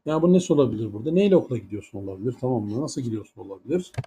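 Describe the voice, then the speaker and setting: Turkish guy teaching english grammar, mellow tone, asks lots of rhetorical questions, faint hiss behind. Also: medium pitch, expressive, rapid-fire, muffled recording. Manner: patient, explains step by step and asks rhetorical questions. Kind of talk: grammar lesson explained in Turkish.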